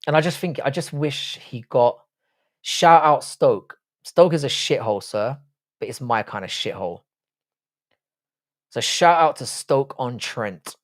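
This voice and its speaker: A South London man in his forties runs a casual live stream, rambling on, swearing freely, and responding to viewers' chat. His voice is mid-range with lively intonation, and he takes his time.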